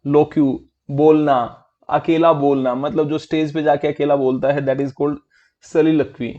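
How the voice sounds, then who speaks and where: A man's voice: mid-range voice, dark tone. Chatty man teaching vocabulary, lo-fi. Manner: chatty, calls students bhai, mixes Hindi and English. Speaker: exam prep teacher. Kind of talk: online vocabulary lesson.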